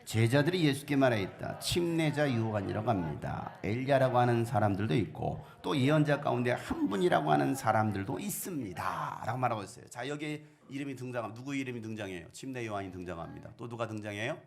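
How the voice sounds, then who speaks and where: A man's voice: medium pitch, fast talker, creaky, few pauses. A middle-aged man preaching a sermon as pastor, asking the congregation questions and acting out the voices in the story. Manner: animated, acts out quoted voices, asks the congregation questions.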